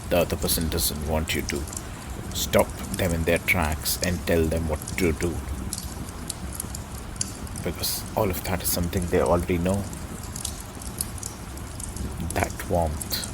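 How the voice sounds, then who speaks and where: A man with a deep, gravelly voice muses reflectively in short, halting phrases, pausing often as he thinks. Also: fairly even intonation. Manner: halting, pensive delivery in short broken phrases. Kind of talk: slow reflective spoken musing. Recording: clearly noisy ambient background.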